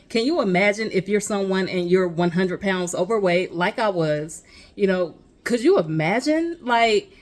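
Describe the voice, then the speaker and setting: A woman with a lilt chats casually to her camera. She talks her viewers through things in an encouraging, emphatic way, with plenty of asides. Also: medium pitch. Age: adult with a child. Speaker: vlogger.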